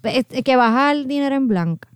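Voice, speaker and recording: Puerto Rican woman, podcast co-host, smooth and dry, playful and profane. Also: high voice, lively intonation, moderate pace, dry recording. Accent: Puerto Rican Spanish. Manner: joking, profane, storytelling. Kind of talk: casual chat.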